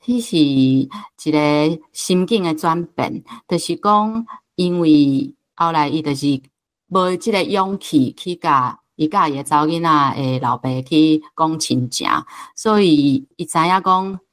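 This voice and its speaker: Unhurried and deep-voiced, this Taiwanese-accented woman speaks as a guest, drawing on her role as a book club host. Her commentary is reflective and unscripted, peppered with hesitations and trailing particles.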